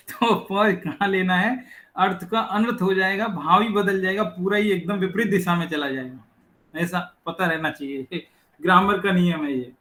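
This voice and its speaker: A man giving a religious scripture lecture, explaining step by step, asking rhetorical questions and reciting verses slowly. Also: high voice, a bit bright. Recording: echoey room.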